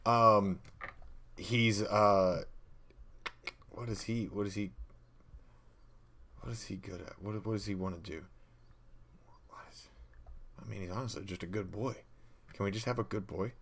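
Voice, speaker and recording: A man's voice: on the low side, a little slow, pauses often, fairly bright tone. Rambling, self-deprecating male co-host. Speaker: podcast co-host. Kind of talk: casual brainstorming chat.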